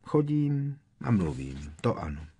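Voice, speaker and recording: A man voicing a sorrowful old gentleman ghost who speaks quietly and hesitantly in an audiobook. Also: on the low side, sing-song, husky, heavily acted. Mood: mournful. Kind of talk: audiobook character reading.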